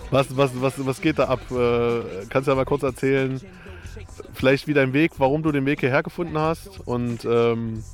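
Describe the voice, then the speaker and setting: A man of medium pitch hosts a radio show, chatting loosely with a guest. He rambles, hesitates and restarts often. Faint music plays behind him outdoors by a lake. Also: fairly even intonation, normal speed. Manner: rambling, many hesitations and ums. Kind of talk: casual interview.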